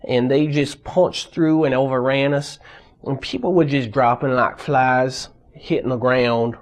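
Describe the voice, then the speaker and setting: A man interviewed in a mock documentary, telling his war story in an earnest, halting way. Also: mid-range voice, fairly even intonation.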